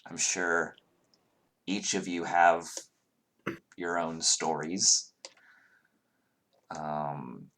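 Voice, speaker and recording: A man's voice: deep voice, fairly bright tone, heavily acted. A man voicing a guarded young nobleman. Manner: measured, hesitant with fillers.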